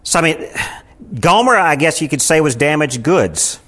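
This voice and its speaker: A man's voice: on the high side, expressive, normal speed, fairly bright tone. A man, a pastor, teaching a small Bible study group in a church room, keeps asking the room questions. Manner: asks the room frequent rhetorical questions. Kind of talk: conversational sermon.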